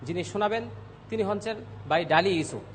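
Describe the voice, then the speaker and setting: A man teaching Arabic letter pronunciation on a TV lesson, speaking slowly and repeating each sound loudly for students. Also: sits high, big-room sound, a little hiss or hum. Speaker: Quran recitation teacher. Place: TV studio.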